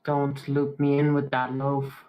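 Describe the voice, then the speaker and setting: A player in casual tabletop role-play who speaks clearly and a little primly. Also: medium pitch, monotone, a little slow, muffled recording. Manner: prim, prides themselves on clear speech.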